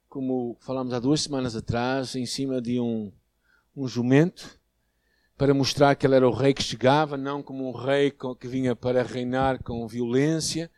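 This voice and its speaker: A man with a European Portuguese accent delivers a sermon in a fairly high voice, earnest and measured. He pauses and hesitates, then rises in emphasis. The recording is close and dry. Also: no room sound. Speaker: preacher. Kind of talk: sermon with prayer and Bible reading.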